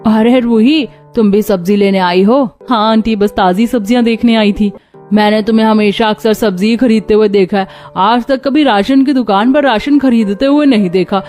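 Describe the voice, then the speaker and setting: A woman's voice: on the high side, moderate pace, darkish tone. A woman voicing all the female roles in a Hindi cartoon story, from mother-in-law to daughter-in-law to the neighbors, in one voice. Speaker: voice actor for all female characters. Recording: faint background music.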